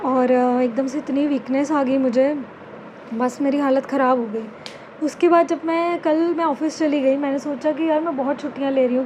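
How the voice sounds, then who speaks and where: A woman's voice: sits high, background noise. A young woman, chatting casually to camera in her bedroom and slipping English words into her talk. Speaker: vlogger.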